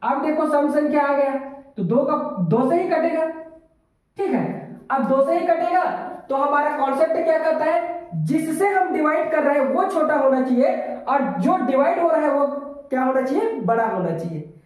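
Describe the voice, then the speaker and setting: Lady teacher walking kids thru a maths problem, highish voice, big echo all around. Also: lively intonation, normal speed, a little mellow. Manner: addresses pupils, often checks understanding. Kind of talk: step-by-step maths lesson. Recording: very echoey room.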